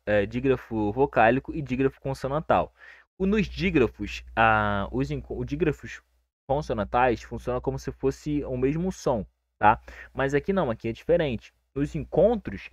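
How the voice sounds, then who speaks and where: A young Brazilian man teaching a casual grammar lesson, relaxed and reassuring, checking in with his listeners all the time. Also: mid-range voice, no room sound. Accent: Brazilian Portuguese. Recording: dry, dull lo-fi recording.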